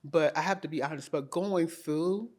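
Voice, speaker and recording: A middle-aged woman, an interview guest, telling her story in a candid, animated way and quoting herself with emphasis. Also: low-pitched, normal speed.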